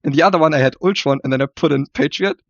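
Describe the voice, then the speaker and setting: A man's voice: fairly high pitch, racing, no echo. Give me a hesitant man chatting as a podcast guest, with a dull, dry recording. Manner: hesitant, repeats words while finding them. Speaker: podcast guest, card game player. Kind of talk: casual chat.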